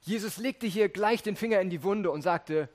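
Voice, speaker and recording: A man's voice: high voice, moderate pace. A man preaching a sermon, reading scripture and earnestly speaking straight to his listeners. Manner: earnest, addresses listeners directly.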